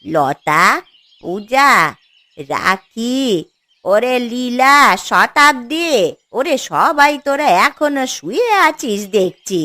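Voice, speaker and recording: A woman's voice: a little high, lively intonation, slow, pauses often, sharp tone, dry recording, heavily acted. A woman voicing a stern, fretting old grandmother in a cartoon, scolding and grumbling in a weary way. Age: older. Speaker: voice actor. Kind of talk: cartoon voice acting.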